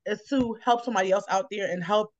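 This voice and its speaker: A woman from New York hosts a casual, reflective conversation, explaining things in a rambling, encouraging way. Her medium-pitched voice moves fast. The recording is dry with no room sound, a bit dull and lo-fi.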